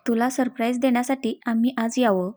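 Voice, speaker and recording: A woman's voice: fairly high pitch, fairly even intonation, a little fast, darkish tone, lightly acted. A woman doing a cheerful, fond mother. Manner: fond, laughing tone.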